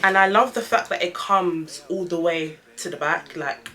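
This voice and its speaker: A young woman vlogger reviews trainers in a casual, emphatic chat, her lisp from dental aligners making her s sounds whistle. Her voice is on the low side and sharp, at normal speed, with a little hiss or hum.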